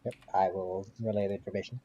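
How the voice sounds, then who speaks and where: A man with a low, mellow voice grumbles his way through a tabletop game, wry and quick to swear. His voice comes through a dull, muffled lo-fi mic with a faint hiss behind it. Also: steady tone. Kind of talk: in-character game banter.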